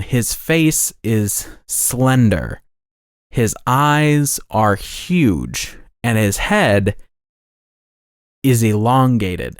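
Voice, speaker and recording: A man's voice: mid-range voice, smooth, dry recording. Rambling male podcast host, dry sound. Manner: rambling, many restarts and self-corrections. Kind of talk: casual podcast monologue.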